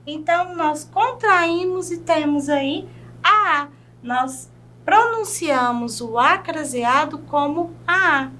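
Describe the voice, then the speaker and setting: A Brazilian woman teacher giving a video grammar lesson, drawing out example words slowly and checking in with her class. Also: high voice, expressive, sharp tone. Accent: Brazilian Portuguese. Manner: slow, drawn-out pronunciation of example words; checks in with "né?" and "certo?".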